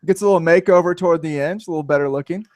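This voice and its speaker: A man in his thirties co-hosting a casual movie-review podcast, rambling and animated, laughing often. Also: fairly high pitch, very fast, dry recording. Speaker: podcast co-host.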